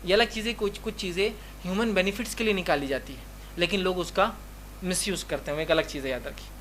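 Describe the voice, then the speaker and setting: A man delivers a religious lecture in a sharp, forceful voice. He keeps it conversational, asks rhetorical questions and keeps repeating his reminders. A faint hum runs behind him. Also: high voice. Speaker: Islamic lecturer.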